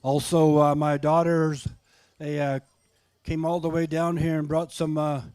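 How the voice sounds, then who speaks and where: A middle-aged or older man working as a powwow emcee, calling names and making announcements in a folksy, unhurried way, often repeating himself. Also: a little high, flat delivery, a little mellow, clean tone, no echo. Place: live microphone at a powwow event.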